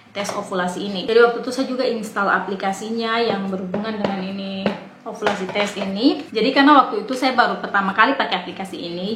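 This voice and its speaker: A woman's voice: medium pitch, background noise. Casual vlogger woman from indonesia, late twenties, chatty and rambling, roomy echo. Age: 20s. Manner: chatty, laughs often, rambling. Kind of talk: casual chat. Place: home in the Netherlands.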